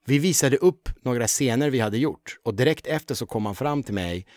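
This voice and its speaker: Animated male actor telling stories. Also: mid-range voice, no room sound, studio quality. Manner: animated storyteller full of fillers. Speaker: guest actor. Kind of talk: casual storytelling interview.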